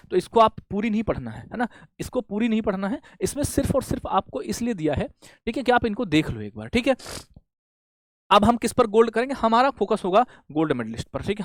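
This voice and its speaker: A man with a rather high voice teaches an exam-prep lesson. He fires off quick questions, answers them himself and keeps checking in with friendly fillers. He is recorded up close in a dry room with no echo. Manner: asks quick questions and answers them himself, says "bhaiya" and "theek hai" often. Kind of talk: classroom lecture with call-and-response questions.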